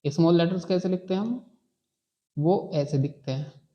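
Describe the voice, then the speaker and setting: A man teaches a beginners' English class patiently, repeating key words and often checking in with students using "ठीक है". His high voice is warm and moves at a moderate pace, captured in dull lo-fi sound.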